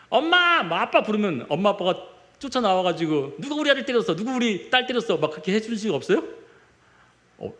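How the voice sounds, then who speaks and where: A male pastor preaches in a lively, storytelling way, often pausing to ask the congregation questions. His voice sits high and swings widely up and down. The sound carries the echo of the church room. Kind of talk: sermon. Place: church sanctuary.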